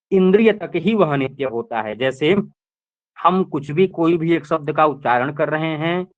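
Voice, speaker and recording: A man with a fairly high voice gives a patient lecture on a classical Sanskrit text. He talks, goes over each point more than once and keeps asking his listeners rhetorical questions. The sound is thin and narrow, like a phone line. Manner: slow, repetitive explanations with rhetorical questions. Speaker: Sanskrit teacher. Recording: tinny phone-like audio.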